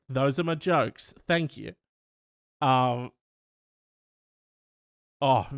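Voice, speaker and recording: A man's voice: on the high side, no echo, studio quality. A man hosting a comedy podcast, rambling and joking casually and swearing a lot. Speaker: podcast host.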